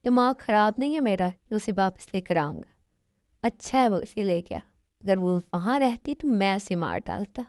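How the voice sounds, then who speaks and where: A woman's voice: mid-range voice, lively intonation, moderate pace, darkish tone, dry recording, studio quality, natural voice. A woman dubbing the part of a cold, threatening young mafia man who gives curt commands. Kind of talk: fan Hindi dub of a love story.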